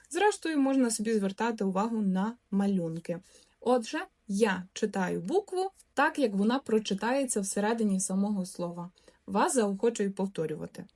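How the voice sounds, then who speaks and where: Casting: young woman, language teacher, clear and patient, stretches out example words for repetition. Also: medium pitch, darkish tone. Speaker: Polish teacher. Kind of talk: language lesson.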